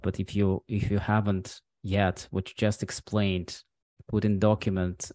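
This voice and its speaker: A man hosting a podcast and asking questions over a video call, measured and searching for words. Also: on the low side, a little mellow, no echo. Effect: heard over a video call. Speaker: podcast host. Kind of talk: interview questions.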